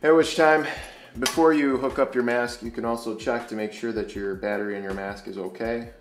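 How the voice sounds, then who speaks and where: A man's voice: medium pitch, steady tone, brisk. A man giving step-by-step instructions as a firefighter training instructor, in a plain, procedural manner. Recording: echoey room, music underneath.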